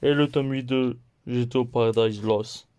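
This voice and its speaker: Un homme qui présente ses achats de mangas de la semaine sur un ton décontracté, en énumérant les titres un par un et en riant de ses erreurs. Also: male voice, mid-range voice, fairly even intonation, mellow, clear, resonant tone, highs cut off. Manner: slow, listing titles one by one; playful, laughs at own mistakes. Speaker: manga haul vlogger. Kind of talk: casual haul video chat.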